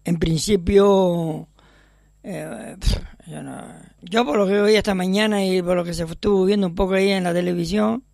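A man's voice: high-pitched, fairly even intonation, moderate pace, creaky, darkish tone, no echo, studio quality. A man hosting a local radio show in a chatty, rambling way, with joking asides. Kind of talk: casual radio chat.

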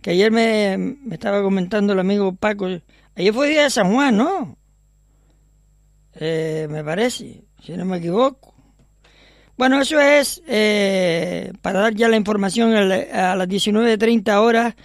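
A man's voice: sits high, unhurried, creaky, no room sound, clean studio sound. A man hosting a local radio show in a chatty, rambling way, with joking asides. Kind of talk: casual radio chat.

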